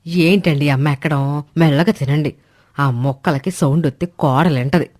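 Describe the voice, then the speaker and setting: A woman's voice: deep voice, normal speed. Woman playing a weary nagging mother-in-law. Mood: exasperated. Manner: tired nagging, hushed and cautious. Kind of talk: animated storybook voice acting.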